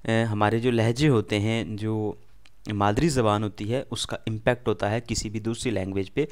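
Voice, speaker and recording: A man's voice: on the low side, steady tone, normal speed. A man whose first language is Urdu, speaking with an Urdu accent as he teaches a beginner language lesson, patiently repeating words and quizzing the listener.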